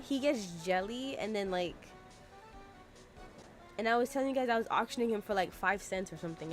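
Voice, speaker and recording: A young woman streaming a game from her room, chatting on a desk microphone in a chatty, exasperated way, full of "like" fillers. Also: a little high. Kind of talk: casual livestream chat. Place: room at home.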